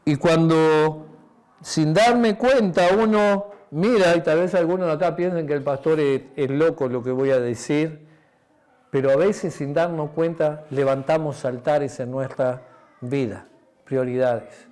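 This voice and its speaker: A man's voice: fairly high pitch, measured pace. A man preaching a sermon as pastor, with a Uruguayan Spanish accent, telling a personal story with acted-out dialogue and frequent tag questions. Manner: drops to a quiet, intimate tone near the end.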